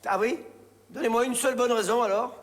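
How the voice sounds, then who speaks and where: A man's voice: extremely high pitch, steady tone, brisk. A man playing a stiff, easily exasperated store manager who stammers indignantly, in a theatrical stage delivery. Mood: stern. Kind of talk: stage play acting. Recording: reverberant theater hall, faint ambience.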